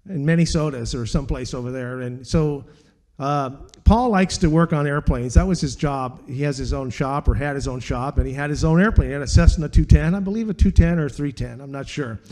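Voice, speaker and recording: An older man spins a rambling, chatty story, his voice mellow and set a little high for a man. He tosses in dude and man and talks in a relaxed, easygoing flow. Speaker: flutist. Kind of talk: casual storytelling.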